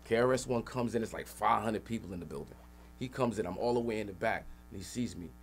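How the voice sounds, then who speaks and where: A middle-aged rapper and activist, a guest on a radio interview, tells stories in an animated, emphatic, streetwise way full of slang. His voice is lowish and he talks fast.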